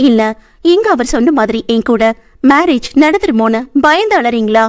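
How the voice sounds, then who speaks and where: A woman's voice: fairly high pitch, expressive, normal speed, lightly acted. A woman voicing an innocent, childlike young woman who chatters naively in a storybook reading.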